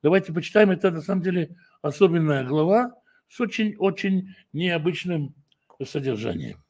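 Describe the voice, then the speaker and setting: A man with a gravelly, fairly high, expressive voice and a darkish tone prays and then gives a Torah study lesson as a preacher and Bible teacher. His sermon is slow and measured, full of hesitations and self-corrections.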